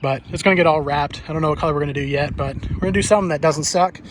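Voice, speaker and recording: A man with a slightly high voice gives an off-the-cuff video tour of a car shop. He is blunt and offhand and swears freely. There is some background noise from the shop around him. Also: rapid-fire. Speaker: car shop owner giving a walkaround tour. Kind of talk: casual unscripted video tour. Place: busy car workshop, walking among cars.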